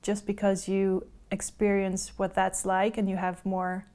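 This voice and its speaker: A woman's voice: mid-range voice, monotone, measured pace, warm tone. A woman in her thirties from the Netherlands, a native Dutch speaker talking in English, candid and musing in a casual interview. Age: 30s. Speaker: blind date participant. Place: indoors, hotel room and restaurant.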